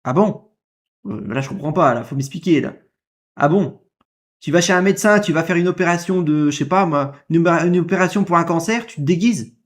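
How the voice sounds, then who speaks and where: In a fairly high, fairly quick voice, a man gives casual commentary on a clip. He comes across as indignant, says the same things over and over, and keeps asking rhetorical questions.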